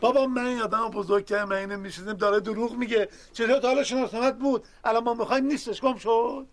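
A man's voice: very high-pitched, fairly even intonation. An actor playing a nosy, suspicious older man who bluntly accuses a young man of lying. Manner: bossy, accusing. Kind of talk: TV comedy drama acting.

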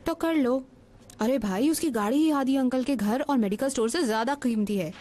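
A woman's voice: sits high, moderate pace, dark tone. A woman voicing a cheeky, nosy young boy in a dubbed drama, who bluntly pesters an adult with the same question.

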